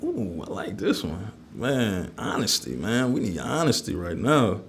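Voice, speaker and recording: A man's voice: lowish voice, sing-song, a little slow, creaky, slight background noise. A man talking candidly in an interview, emphatic and plain-spoken, often checking that his listener follows. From North Nashville, Tennessee, USA. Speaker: interview guest, community member.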